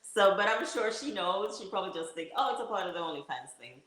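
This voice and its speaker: A woman's voice: mid-range voice, expressive, fast, fairly bright tone. A woman with a Jamaican accent, speaking as an interview guest and laughing often between phrases. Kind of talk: casual interview chat. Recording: very echoey room.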